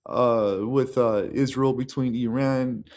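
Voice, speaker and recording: A man's voice: steady tone, takes it slowly, a little mellow, slight background noise. An American man talking casually to his camera in a rambling way, with many fillers and restarts. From United States. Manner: acts out the voices of others in a raised pitch. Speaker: vlogger.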